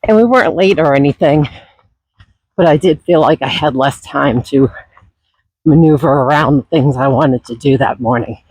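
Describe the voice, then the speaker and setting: A man talking casually and reflectively while out running, his voice breathy and still husky from a recent illness, with sighs and pauses. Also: mid-range voice, darkish tone, no echo, low-quality recording. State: voice not fully recovered from illness, husky. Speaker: running vlogger. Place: outdoors on a trail.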